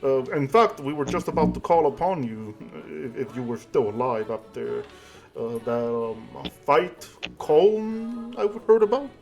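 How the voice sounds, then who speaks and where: A man's voice: medium pitch, animated, a little slow, vocal fry, darkish tone, faint music behind. Hesitant male game master. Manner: hesitant, with many fillers and restarts. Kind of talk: narrating and voicing characters in a tabletop game.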